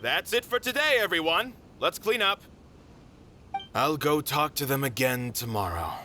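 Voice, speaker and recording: An earnest theater manager in an anime game. His voice is bright and a little high, moving expressively up and down as he looks after his people. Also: very animated, unhurried, slight background noise, full character voice. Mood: resigned. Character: earnest, responsible male theater manager, protective boss.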